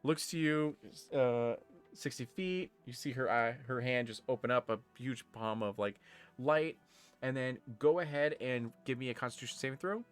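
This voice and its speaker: Male game master, mid-pitched, casual and easygoing narration with music underneath. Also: moderate pace, clear, resonant tone.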